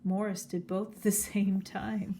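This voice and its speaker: Woman reading a children's book aloud, slow, clear, medium pitch. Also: little pitch movement, dark tone, a little hiss or hum. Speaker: storybook reader.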